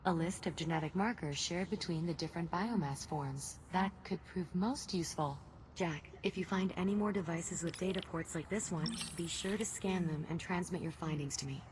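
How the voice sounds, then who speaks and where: A woman playing a calm, precise facility aide in a video game, speaking in a measured, formal way. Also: lowish voice, slight background noise, close to an everyday voice. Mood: calm, helpful.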